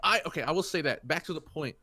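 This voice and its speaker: A man's voice: fairly high pitch, animated, fast, bright, forceful tone, no echo. A man who is a guest on a casual podcast, talking in a rambling, self-deprecating way and giggling often. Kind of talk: casual chat.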